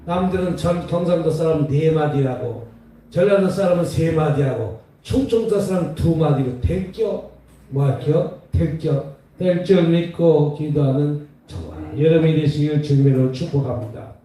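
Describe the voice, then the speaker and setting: Echoey, distant pastor preaching. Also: male voice, a little high, moderate pace, warm tone. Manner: call-and-response preaching, repeats phrases. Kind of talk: revival sermon. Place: prayer retreat center hall. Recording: echoey hall, voice from far off.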